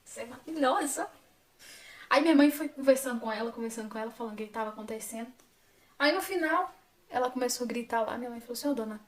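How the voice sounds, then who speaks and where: Fast, chatty young woman vlogger. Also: fairly high pitch, a bit bright. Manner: emotional, chatty, addresses viewers directly. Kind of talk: storytime vlog.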